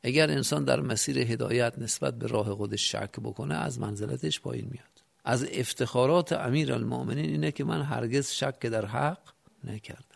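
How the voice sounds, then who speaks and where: A man with a heavily gravelly, creaky voice delivers a religious lecture. He builds his argument step by step, stopping to ask his listeners rhetorical questions, and now and then recites lines in classical Arabic. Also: medium pitch. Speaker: cleric teaching religious text.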